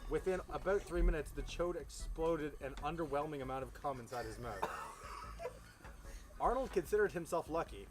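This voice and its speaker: Outdoors next to a fire with a noisy background, a host casually reads fan fiction aloud, fumbling words and cutting away for informal, profane remarks. His slightly high voice has lively intonation and a moderate pace.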